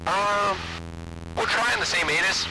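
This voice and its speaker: A man's voice: high-pitched, a little slow. A man instructing in the cockpit of a small plane, talking casually through an aviation headset like a pilot over the radio. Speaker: flight instructor. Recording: noisy cockpit intercom audio.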